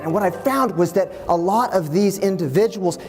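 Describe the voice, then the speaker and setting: A man, an educator answering interview questions and telling stories in an earnest, husky voice that often repeats words as he gets going. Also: high-pitched, normal speed, soft background music. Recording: reverberant room.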